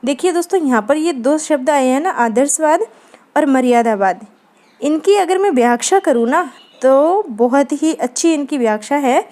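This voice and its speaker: A woman's voice: high voice, expressive, moderate pace, mellow. A woman teaching an exam-prep literature lesson, explaining step by step and checking in with her students. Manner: explanatory, frequent "ठीक है दोस्तों" check-ins.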